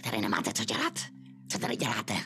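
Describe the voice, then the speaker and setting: A man's voice: wildly swooping pitch, pushed and bright, exaggerated voice. A man voicing a fussy, demanding floating skull who directs a play, bossy and theatrical. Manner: bossy, theatrical, shrill outbursts.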